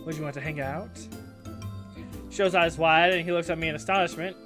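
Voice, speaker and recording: Bright-voiced young man reading a game aloud. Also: fairly high pitch, brisk, faint music behind. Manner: animated, joking asides, laughs often. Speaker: streamer. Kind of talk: reading a visual novel aloud with commentary.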